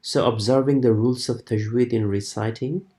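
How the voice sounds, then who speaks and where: A man giving an informal spoken lesson as a Quran recitation teacher, explaining haltingly and often repeating or rephrasing his words. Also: mid-range voice, steady tone, warm tone.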